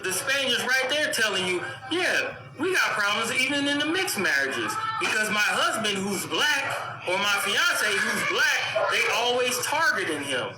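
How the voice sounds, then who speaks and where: A man's voice: high voice, roomy sound, background noise. A man giving casual religious commentary on a news report, with emphatic, preachy rhetorical questions.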